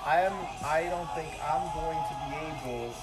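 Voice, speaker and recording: A man's voice: fairly high pitch, normal speed, faint music behind, poor audio. A man joking with friends on a casual podcast, nervous but rowdy and swearing. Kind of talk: casual chat.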